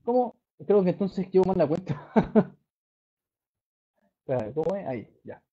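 A young man from Chile with a Chilean Spanish accent, chatting casually on a live game stream, swearing often and shouting greetings to viewers. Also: high-pitched, big pitch swings, unhurried. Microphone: desktop microphone. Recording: dull lo-fi stream audio with faint noise.

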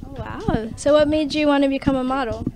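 A woman radio host asking quick, upbeat questions into a handheld mic at an indoor event. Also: high-pitched. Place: indoor event room by a banner. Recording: noisy crowd chatter behind.

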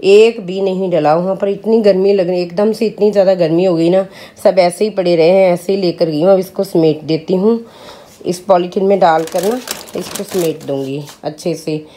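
A woman's voice: on the low side, steady tone, normal speed, warm tone. A woman in her thirties with a sore throat, chatting casually to viewers while filming at home on a handheld phone. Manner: chatty, addresses viewers as friends. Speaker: vlogger, mother. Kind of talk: casual home vlog narration. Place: home, kitchen and rooms.

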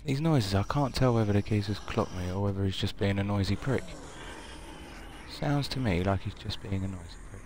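A man's voice: lowish voice, moderate pace, noisy background. A young British man commentating a horror game live, swearing often and dropping to a half-whisper while he sneaks. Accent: British English. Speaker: live-stream gamer.

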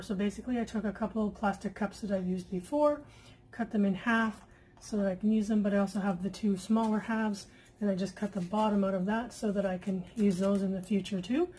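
A Canadian woman hosts an acrylic paint-pouring channel, chatting casually at home while working at her craft table in a relaxed tutorial full of fillers and asides. Her mid-range voice is husky, she feels she's losing it, and the recording is rough.

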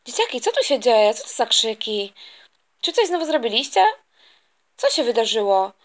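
A woman's voice: on the high side, sing-song, moderate pace, voice pushed down. A woman voicing a bustling, caring mother of two in a toy story, asking worried, scolding questions.

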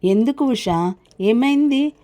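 A woman's voice: fairly high pitch, animated, slow, dark tone. A woman reading the part of a young mother anxiously pressing her friend with questions, in a storybook reading.

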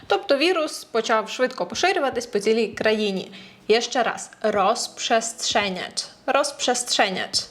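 A woman teaching an online language lesson, chatty and encouraging, slowing down to carefully over-enunciate hard words. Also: a little high, lively intonation.

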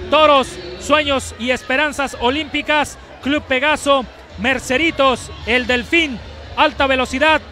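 A man commentating live lucha libre as an excited, shouting wrestling commentator. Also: very high voice. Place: large packed indoor arena, ringside. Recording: loud arena crowd behind the voice. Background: cheering crowd.

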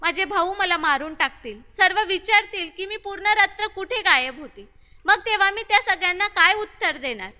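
A frightened, tearful young woman pleads in a very high, bright voice, as a woman narrator reads her lines. Her words ring out with a long hall reverb in this read-aloud story. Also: lively intonation, moderate pace, full character voice. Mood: tearful pleading.

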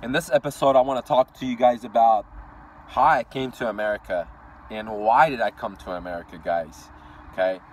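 A man's voice: mid-range voice, a little fast. A middle-aged man from Iran talking to his viewers from a parked open-top car, blunt, swearing often and calling them dude. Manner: blunt, swears a lot, calls listeners dude. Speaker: real estate vlogger. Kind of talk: casual storytelling vlog. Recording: from a distance, faint outdoor noise.

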